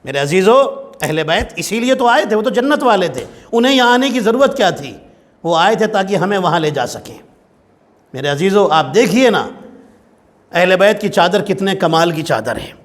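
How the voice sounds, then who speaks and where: High-voiced male preacher telling a story. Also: lively intonation. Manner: storytelling, acting out family dialogue, emphatic. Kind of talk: majlis sermon with storytelling. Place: mosque hall.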